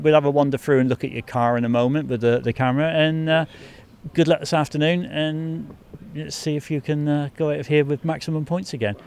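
A man's voice: a little high, darkish tone. Older man chatting in an outdoor paddock. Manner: chatty and friendly, with filler ums. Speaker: paddock interviewer. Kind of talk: casual motorsport interview. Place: outdoors in a race paddock beside a team truck. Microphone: handheld mic with fluffy windshield. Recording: faint outdoor background noise.

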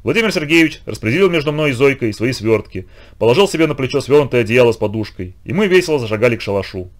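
A man reading a children's story aloud with expressive, animated storytelling. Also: medium pitch, fast. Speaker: audiobook reader. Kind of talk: scripted narration.

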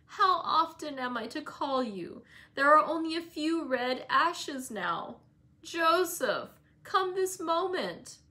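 Woman reader voicing a petulant invalid young man, raised pitch, slow plaintive whine. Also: expressive, sharp tone, full character voice. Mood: peevish. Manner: whining, fretful, slow and plaintive.

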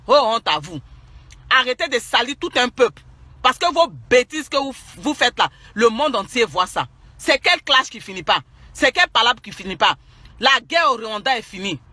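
Ivorian-accented man, very high pitch, scolding preachy online rant, dry close mic. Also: bright, forceful tone, dry recording. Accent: Ivorian French. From Côte d'Ivoire. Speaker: social media commentator. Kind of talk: angry rant to online followers.

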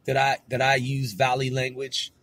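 He's a middle-aged podcaster with a West Coast accent whose mid-range, somewhat bright voice comes out completely flat at a normal speed. There's no echo as he rambles through a slangy, relaxed monologue heavy on swearing and fillers.

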